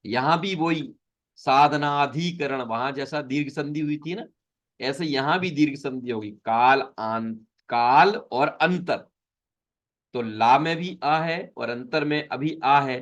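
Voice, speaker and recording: A man's voice: on the high side, fairly bright tone, lo-fi sound. A man teaching an online class on Sanskrit sutras, patiently explaining and repeating each term. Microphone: video call.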